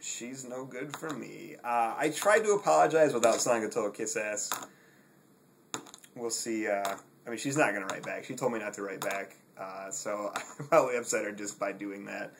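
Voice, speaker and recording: A man's voice: fairly low pitch, normal speed, vocal fry, slight background noise. Sarcastic man chatting on a vlog. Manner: sarcastic, self-mocking, laughs often. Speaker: video blog host. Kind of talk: casual vlog monologue.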